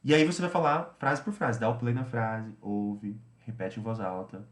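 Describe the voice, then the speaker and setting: A man's voice: fairly low pitch, steady tone, moderate pace, echoey room. A man teaching English, explaining a study routine in a chatty way, often repeating himself and tagging phrases.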